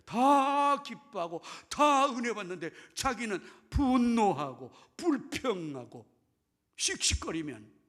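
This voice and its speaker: A man preaching a sermon as pastor, dramatic, swinging between loud bursts and whispers and asking the congregation questions. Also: sits high, big pitch swings, takes it slowly, long reverb tail.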